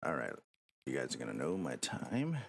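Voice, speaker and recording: A man's voice: very deep voice, wildly swooping pitch, normal speed, creaky, slight background noise. A man casually commentating a live game stream, rambling and thinking aloud as he talks to his viewers.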